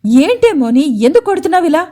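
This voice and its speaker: A woman's voice: high voice, expressive, normal speed, darkish tone. A woman voicing a scheming young male boss who threatens, snaps and then turns scared. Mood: irritated. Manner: menacing, then frightened.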